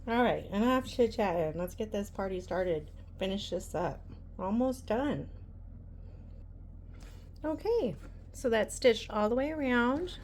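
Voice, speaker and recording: A woman's voice: mid-range voice, animated, measured pace, long pauses, noisy background. A woman hosting a casual embroidery tutorial, chatty and rambling with frequent ums.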